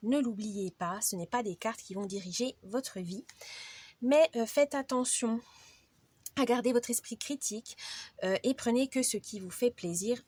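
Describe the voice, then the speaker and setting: Woman doing a weekly tarot reading, kinda high voice, lots of little pauses, super dry sound. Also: darkish tone, husky, dry recording. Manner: chatty, frequent hesitations, friendly cautionary tone. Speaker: tarot card reader.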